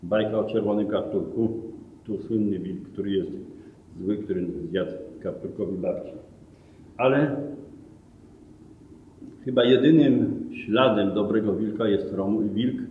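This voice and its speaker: A middle-aged man with a lowish voice explains animals as a museum guide, patiently and step by step. He stands a few meters from the camera in a museum hall, so the sound is roomy and distant. The recording is thin and phone-like, with faint noise. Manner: explanatory, with self-corrections. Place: museum hall among glass display cases. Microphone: camera a few meters away.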